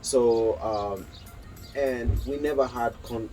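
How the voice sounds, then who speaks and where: A Kenyan man in his thirties, a guest telling his story in a casual interview, pausing often with filler sounds. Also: mid-range voice, dark tone, faint music behind, low-quality recording. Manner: hesitant, full of pauses and filler sounds.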